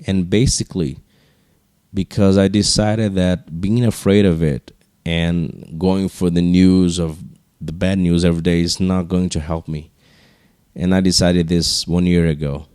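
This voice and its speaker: A man hosting a podcast solo, speaking slowly in a low, hushed register with casual, rambling, earnest encouragement. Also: fairly even intonation, smooth, no room sound, studio quality. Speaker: podcast host.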